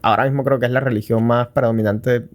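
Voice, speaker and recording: A man's voice: medium pitch, fairly even intonation, fast talker. A man with a Caribbean coastal Colombian accent co-hosting a podcast in casual, slangy chat with crude, joking humour. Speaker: podcast co-host.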